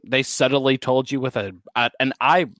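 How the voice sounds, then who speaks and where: A man's voice: mid-range voice, fairly even intonation, normal speed, fairly bright tone, no echo, clean studio sound. A man in a casual film chat who searches for words, with many "like"s and trailing questions.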